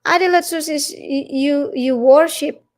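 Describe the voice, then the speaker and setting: A woman with an Indonesian accent gives a religious lesson in a very high-pitched, darkish voice. She speaks slowly and haltingly with emphatic stresses, relying on challenging rhetorical questions to teach.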